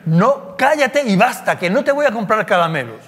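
Man playing a fed-up mother, curt and scolding, raised pitch, echoing church hall. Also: big pitch swings, measured pace, fairly bright tone, breathy edge, full character voice. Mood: exasperated. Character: embarrassed, exasperated mother scolding her child. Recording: long church reverb.

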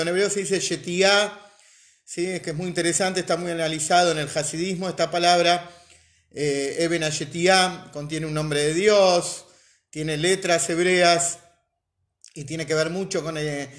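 A man giving a weekly religious class. He explains as he goes, rephrases his points and asks rhetorical questions. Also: high voice. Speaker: religious teacher.

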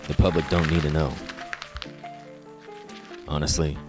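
A man playing a hard-boiled ex-cop detective and narrating a comic noir parody, with deadpan, wisecracking delivery. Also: extremely low pitch, measured pace, over music.

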